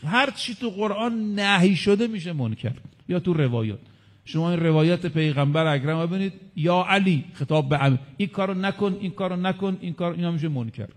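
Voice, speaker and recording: Man preaching in a reverberant hall. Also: a little high. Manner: counts points aloud, quotes Arabic sayings. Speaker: cleric preacher. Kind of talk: religious lecture.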